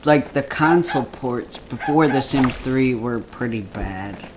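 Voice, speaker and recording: A man co-hosting a let's play, chatting casually and relaxed while the game runs. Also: mid-range voice, unhurried. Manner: relaxed, chatty, trailing off with fillers. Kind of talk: casual gameplay chat. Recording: loud background noise.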